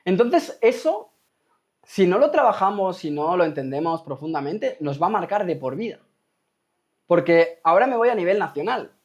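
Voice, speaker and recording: A host from Spain with a high-sitting, expressive voice talks casually to his viewers at a normal speed. He keeps checking in with rhetorical questions, especially "¿me explico?" The audio sounds dull.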